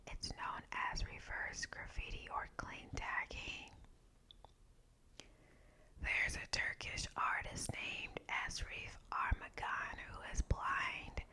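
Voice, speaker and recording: A woman whispering in a breathy, unvoiced ASMR style as she hosts and reads out short facts. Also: pushed and bright. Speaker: ASMR video host.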